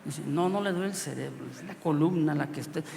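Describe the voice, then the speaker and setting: A man with a Mexican accent preaching a sermon through a personal story, swinging from loud outbursts to quiet asides and laughing often. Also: a little high, a little fast, vocal fry. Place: church hall with long reverb. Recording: reverberant hall, faint background noise.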